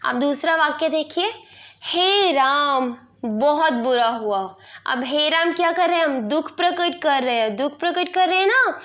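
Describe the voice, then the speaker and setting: A woman teaching a grammar lesson, explaining slowly and asking herself questions she then answers. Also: high voice, fairly bright tone, muffled recording.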